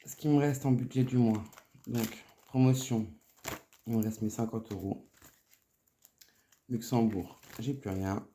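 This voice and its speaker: A woman narrating her budgeting casually and counting aloud, haltingly, her voice thick and strained from swollen tonsils. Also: rumbling low, fairly even intonation, mellow. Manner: halting, murmuring to self while counting. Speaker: host of a budgeting video. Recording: noisy, with clicks and paper rustling.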